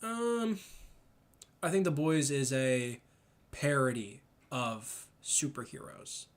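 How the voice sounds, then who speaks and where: A young man chatting casually and emphatically in slang, thinking out loud as he rambles through his opinions. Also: mid-range voice, sing-song, slow pace. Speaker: solo commentator reading and reacting to comments. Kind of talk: casual rambling chat about comics and anime.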